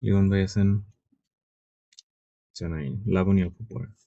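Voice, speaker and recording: A man's voice: sits low, fairly even intonation, normal speed, warm tone, no room sound, dull audio. A man teaching Chinese pronunciation in an online class. He drills sounds over and over and checks in with short questions. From Bangladesh.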